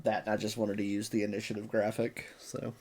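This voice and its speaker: A player at a tabletop game who makes teasing, wry remarks. The voice sits at a middle pitch over clear background noise and clicking. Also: little pitch movement, fairly quick.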